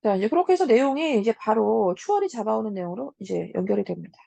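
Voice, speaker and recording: A woman teacher giving a casual lecture on a classic story, talking straight to her students with many soft hums between points. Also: a little high, sing-song, fast, vocal fry, no echo. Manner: casual, talks to students as 얘들아 with frequent hums.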